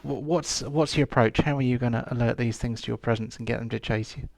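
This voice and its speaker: A man running a tabletop role-playing game as game master, describing scenes in a halting way with many fillers. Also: mid-range voice, steady tone, vocal fry, darkish tone, dry recording.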